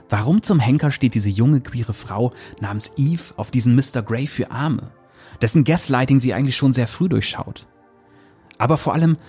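Male book reviewer: dark, husky delivery, calm and measured, faint music underneath. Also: mid-range voice. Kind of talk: book review with read-aloud excerpt.

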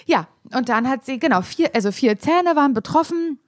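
A woman's voice: high-pitched, expressive, brisk, no echo, clean studio sound. A young woman co-hosting a podcast, talking in a chatty, self-mocking way full of restarts. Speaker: podcast co-host. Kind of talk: casual chat.

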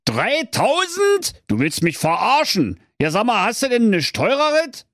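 Guy putting on a shrill rude rich miser, berlin accent, yells at everyone, dry close sound. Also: big pitch swings, unhurried, no room sound, full character voice. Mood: blustering. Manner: loud, rude, blustering. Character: rich, stingy, boastful man.

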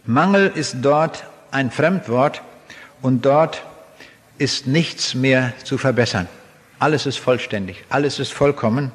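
A man delivers a sermon in an earnest, deliberate manner, leaning on each quoted verse with slow emphasis. His voice sits at an ordinary middle pitch. It rings out with the long reverb of a large hall or church. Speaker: preacher.

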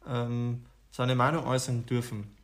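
A man co-hosting a casual podcast chat, speaking in a calm, measured way. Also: mid-range voice. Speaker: podcast co-host.

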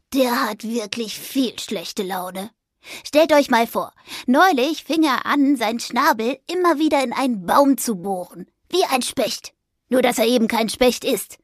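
A woman's voice: on the high side, no room sound, clean studio sound. A woman voicing a chatty friendly squirrel. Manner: lively, chatty and helpful.

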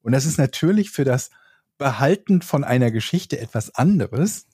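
A man's voice: mid-range voice, expressive, normal speed, darkish tone, slightly rough, no echo, studio quality. A man co-hosting a casual podcast, who teases his friends and argues in long, wordy sentences. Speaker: podcast co-host. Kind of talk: casual chat.

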